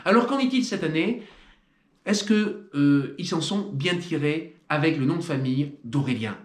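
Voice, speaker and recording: A man's voice: on the high side, animated, moderate pace, reverberant, slight background noise. A man hosting a trail running video, with playful, mock-solemn scripted commentary and theatrical emphasis.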